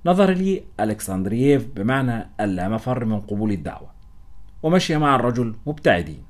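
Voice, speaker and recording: Fast-reading male audiobook narrator. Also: medium pitch, sing-song. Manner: storytelling, first-person. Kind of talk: scripted narration.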